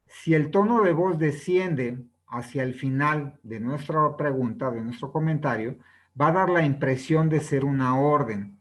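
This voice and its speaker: Man teaching, fairly high voice. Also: measured pace, rough recording. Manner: ends many phrases with a questioning "¿no?" tag; acts out sample questions with changing intonation. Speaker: presenter reviewing a sales book. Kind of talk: explanatory lesson.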